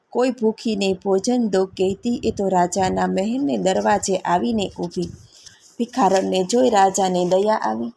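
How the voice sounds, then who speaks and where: A woman's voice: medium pitch, creaky, dark tone, slightly rough. A woman storyteller narrating a devotional folk tale in a lilting, rhythmic telling.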